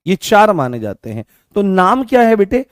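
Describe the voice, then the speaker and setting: Pitched high with big swings in intonation, this man talks at a normal speed in a clean tone while running a live Hindi grammar class online for exam candidates. His Rajasthani Hindi accent comes through as he repeats himself, asks and answers his own questions, and occasionally sings. The recording is dry and of studio quality.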